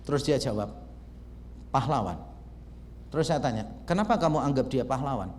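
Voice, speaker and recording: A male pastor preaching at a conference, telling stories with lively quoted dialogue. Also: medium pitch, moderate pace, a little hiss or hum. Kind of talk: conference sermon. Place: large conference hall. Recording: long reverb of a hall.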